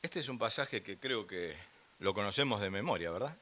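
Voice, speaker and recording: An older man with an Argentine accent preaching a sermon in church, swinging from loud emphasis down to near-whispers. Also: lowish voice, expressive, normal speed, slight background noise. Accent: Argentine Spanish. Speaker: guest preacher.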